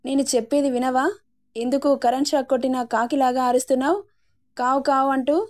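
A woman's voice: sits high, flat delivery, fairly quick, darkish tone, lightly acted. A woman reading a storybook aloud, voicing a young husband who banters and pleads with his wife. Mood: teasing. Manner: teasing, scolding banter.

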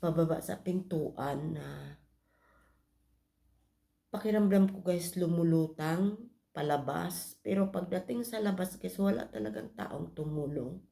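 Filipina vlogger, low gravelly voice, confiding personal story to viewers. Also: female voice, a little slow, long pauses, dark tone. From Philippines. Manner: confiding, addresses viewers as guys often.

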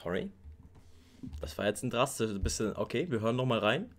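A young man hosting a music reaction video, gushing in excited, slangy casual commentary. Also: mid-range voice, a little fast, a little hiss or hum. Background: faint hip hop track playing.

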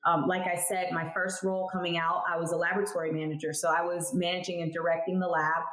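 Her voice is lowish and fairly bright with little pitch movement, and she moves at a quick pace. She's a cannabis lab chemist in her thirties, telling her story openly and forcefully as a guest in a casual interview over video call, headphones on, indoors at home. The audio is reverberant and low quality.

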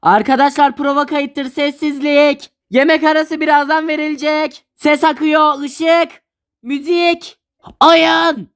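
Brief: young man playing a high, shouty cartoon film director, bossy and clipped. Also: fairly even intonation, normal speed, clear, resonant tone, lightly acted. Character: fussy excitable male film director.

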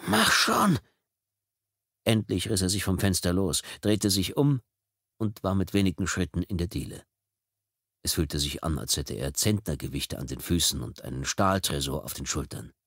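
A man with a fairly low voice reading a thriller audiobook with tense, dramatic storytelling. The studio microphone is close and the sound is dry, with no room to speak of. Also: normal speed, slightly rough, no echo. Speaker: audiobook narrator. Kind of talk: scripted audiobook narration.

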